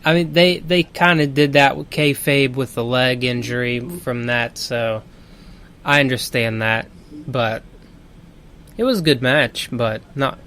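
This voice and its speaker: A man's voice: medium pitch, steady tone, measured pace, a bit bright. A young man with a mid-range voice co-hosts a podcast. He chats casually and sounds eager and enthusiastic. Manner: enthusiastic, picks match of the week. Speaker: podcast co-host. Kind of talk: casual chat.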